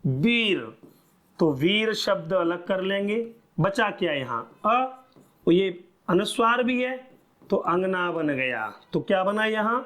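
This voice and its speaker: A man with a high, light voice teaches a class at an unhurried, deliberate pace. He keeps quizzing his students with quick questions and then answers them himself, repeating each key point. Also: animated, fairly bright tone. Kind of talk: classroom lecture.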